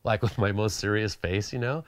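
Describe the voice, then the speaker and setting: A man's voice: on the low side, moderate pace, no echo, studio quality. A man, a pro skateboarder, telling a casual anecdote, acting out the dialogue and filling his talk with "you know" and "like". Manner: animated, acts out quoted dialogue. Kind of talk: storytelling anecdote.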